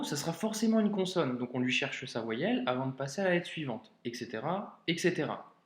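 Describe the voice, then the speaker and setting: A man's voice: on the high side, roomy sound. A man teaching Arabic reading in a recorded video lesson, patient and informal, often checking that the learner follows. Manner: slow, patient, informal, addresses viewer as tu, checks understanding with ok.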